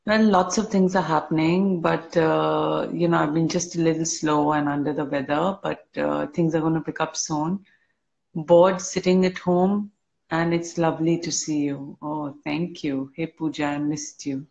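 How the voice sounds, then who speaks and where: Woman, live-stream host, relaxed unhurried talk, slightly unwell, muffled phone audio. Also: sits low, vocal fry. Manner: slow, relaxed, answers comments one by one. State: a little unwell. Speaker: live-stream host reading fan comments. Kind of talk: casual live-stream chat.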